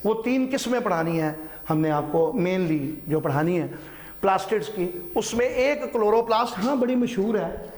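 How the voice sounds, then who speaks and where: High-voiced teacher lecturing in an echoey room. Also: male voice, animated, moderate pace, darkish tone. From Pakistan. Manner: repeats terms, checks in with "ठीक है"; mixes English terms into Urdu. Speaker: science teacher. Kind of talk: classroom biology lecture.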